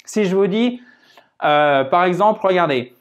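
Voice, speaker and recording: A man with French as his first language explaining English grammar in a video lesson, patiently and clearly, often checking in with his viewers. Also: high voice, expressive. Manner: slows down to spell out English examples. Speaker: English teacher.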